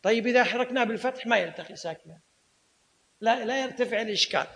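Speaking very high and fast with vocal fry and a somewhat bright tone, a man teaches Islamic law and grammar in a lecture hall full of long reverb. His classroom lecture includes quizzing students and repeating key points.

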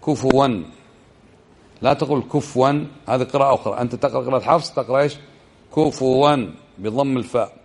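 A man giving a religious lesson, explaining step by step and checking the listeners with quick questions, slowing down over quoted verses. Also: medium pitch. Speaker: religious teacher.

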